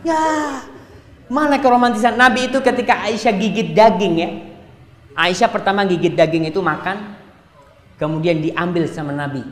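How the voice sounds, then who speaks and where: A male preacher delivering a sermon, talking straight to the congregation and swinging between loud exclamations and quiet asides. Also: sits high. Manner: addresses the congregation directly. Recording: echoey hall with long reverb.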